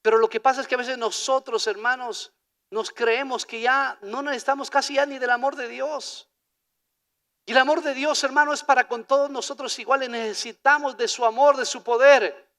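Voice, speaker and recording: An Ecuadorian pastor with a high, bright voice preaches a sermon in church, speaking Spanish with an Ecuadorian accent. His tone is steady and smooth at a moderate pace, yet he swings from hushed to loud and calls listeners "hermano". The recording carries church hall reverb.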